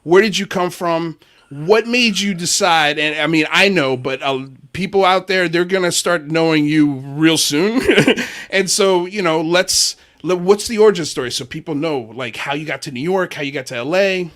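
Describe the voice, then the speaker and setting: A man's voice: fairly high pitch, moderate pace, fairly bright tone. A man from Miami hosting a casual podcast livestream, laid-back and chatty, saying "dude" a lot and laughing easily. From Miami, USA. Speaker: podcast host.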